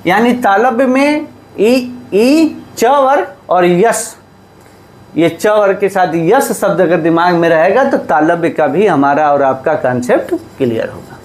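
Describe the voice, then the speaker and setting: A man's voice: sits high, animated, measured pace. A male teacher giving a lesson, who asks questions and answers them himself and repeats the key terms. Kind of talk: classroom lesson.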